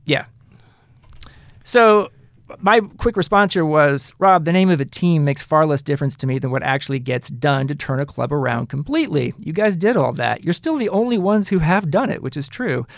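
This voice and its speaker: Gravelly, animated man talking soccer. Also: a little high, normal speed, no echo, studio quality. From Kansas City area, United States. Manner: animated, emphatic, self-interrupting. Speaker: podcast host. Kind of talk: casual soccer talk.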